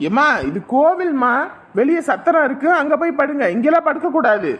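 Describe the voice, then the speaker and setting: A woman voicing a fussy male temple priest in an animated drama. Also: sits high, brisk, lo-fi sound. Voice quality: fussy, scolding.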